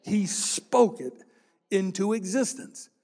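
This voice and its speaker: A man's voice: high-pitched, lively intonation, slow pace, dark tone. A middle-aged man preaching a sermon, with playful joking asides to the congregation. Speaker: pastor.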